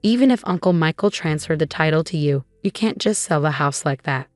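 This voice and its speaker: A woman's voice: deep voice, animated, brisk, no echo, soft background music. A shocked, protesting sister, as a woman narrator reads her. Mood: disbelieving. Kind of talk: scripted story narration.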